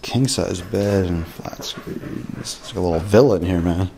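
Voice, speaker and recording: A man's voice: low-pitched, normal speed, creaky. A man in his thirties vlogging casually to a handheld camera, joking and crude. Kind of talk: casual vlog chat. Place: car, shops and rental home. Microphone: handheld action camera. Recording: loud background noise.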